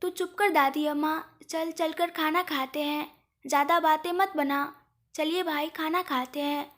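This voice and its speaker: A woman's voice: sits high, steady tone, a little slow, a bit bright. A woman voicing a playful, teasing young woman in a storybook reading. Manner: light, teasing.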